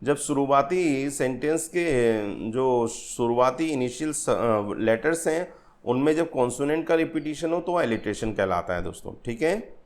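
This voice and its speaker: A man teaching literary terms for an exam, explaining slowly in a mix of Hindi and English and often calling his viewers friends. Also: mid-range voice, lively intonation. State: tired from late nights. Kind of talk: exam-prep literature lesson.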